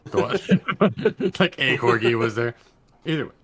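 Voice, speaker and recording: A man's voice: mid-range voice, unhurried, a loud crowd. A man playing a tabletop game, joking and laughing as he chats. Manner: animated, joking, laughing a lot. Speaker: player. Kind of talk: casual chat during a tabletop game.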